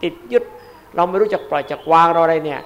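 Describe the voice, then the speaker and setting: A Buddhist monk delivers a dharma sermon with emphasis, repeating key words and moving between loud and soft passages. His voice sits fairly high, and he speaks fast.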